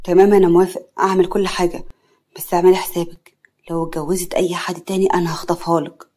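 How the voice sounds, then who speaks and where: A woman's voice: fairly low pitch, fairly even intonation, racing, a little mellow, breathy edge. A woman storyteller voicing a stubborn, devoted young man with an Egyptian accent, talking earnestly and insistently. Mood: determined. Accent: Egyptian Arabic.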